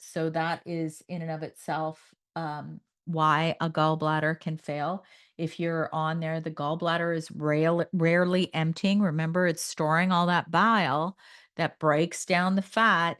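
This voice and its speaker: Emphatic woman hosting a nutrition podcast. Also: lowish voice. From Canada. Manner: emphatic, animated. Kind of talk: health podcast talk.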